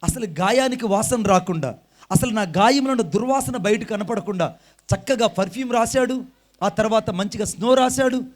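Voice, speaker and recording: High-voiced male preacher telling a story. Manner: tells a story with acted dialogue, then rises to loud exhortation; drops in halting English phrases. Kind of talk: sermon with a storytelling illustration.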